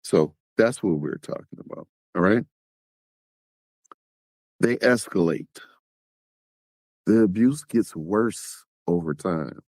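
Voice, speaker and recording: A man hosts his own podcast in a casual, direct style, addressing listeners as "y'all". His voice sits on the low side. The sound is dry and close, with no room echo. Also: lively intonation, slow pace, long pauses, a little mellow. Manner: conversational, talks straight to listeners, acts out quotes. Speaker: podcast host.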